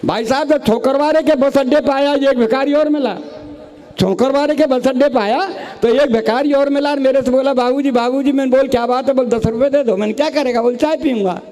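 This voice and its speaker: Older male comic poet in his sixties, Rajasthani accent, anecdotal stage delivery, higher-pitched voice. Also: a little fast, dark tone. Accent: Rajasthani Hindi. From Rajasthan, India. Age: 60s. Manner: anecdotal storytelling, acting out dialogue. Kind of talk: stage comic poetry recital.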